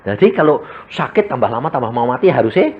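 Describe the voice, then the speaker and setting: A man preaching a sermon with a Javanese accent, animated and joking, tossing rhetorical questions at the congregation. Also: mid-range voice, fast, highs cut off, background noise. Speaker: evangelist preacher.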